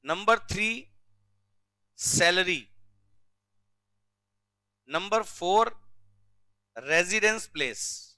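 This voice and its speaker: A male teacher from India giving a classroom lecture, drilling rules slowly and often checking with questions. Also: high-pitched, animated, pushed and bright, dry recording. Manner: recites rules slowly word by word. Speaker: commerce teacher.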